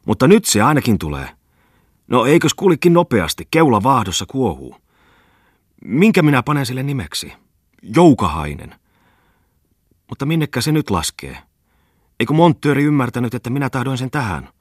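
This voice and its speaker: A man reading an audiobook voices a loud, excitable lame man who rants scornfully and breaks into shouts. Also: sits low, pauses often, husky, no room sound, clean studio sound. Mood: excited. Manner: raves loudly, jumps into shouts. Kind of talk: audiobook character voice.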